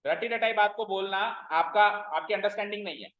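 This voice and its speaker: A man's voice: high-pitched, a little fast. A man teaching maths to a class, stern and repetitive, quizzing his students as he explains. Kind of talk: classroom lecture. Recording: roomy, dull lo-fi classroom recording.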